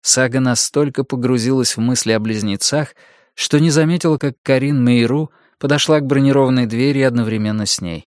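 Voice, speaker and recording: A man reading a novel aloud with steady, measured pacing and a mid-range voice. The recording is close and dry, with no room sound around him. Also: mid-range voice, dry recording. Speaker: audiobook narrator. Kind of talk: scripted narration.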